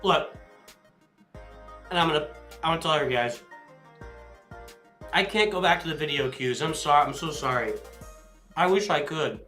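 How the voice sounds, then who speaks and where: Man, stream host, casual rambling chat, bright tone, roomy echo. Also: fairly high pitch, lively intonation, moderate pace, long pauses. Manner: rambling, apologetic, answers chat questions aloud. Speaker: livestream host and guild leader. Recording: echoey room with faint music.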